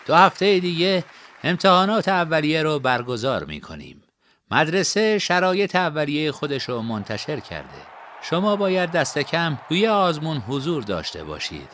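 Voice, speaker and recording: A man plays a kindly old academy head in a storybook reading. His voice is pitched up and he speaks in a formal, announcing manner. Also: big pitch swings, fairly bright tone, slight background noise.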